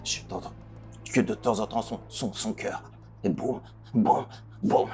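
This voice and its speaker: Man doing a hushed, panicked little kobold. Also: fairly low pitch, a little slow. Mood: frightened, hushed. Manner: stammering, breathy half-whisper, repetitive. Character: small panicked kobold, furtive and pleading.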